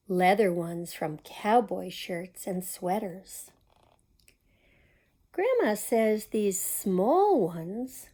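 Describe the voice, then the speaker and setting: A warm, mid-range female voice reads a picture book aloud as a community library storytime host. She's expressive and slips in little asides to the young children listening.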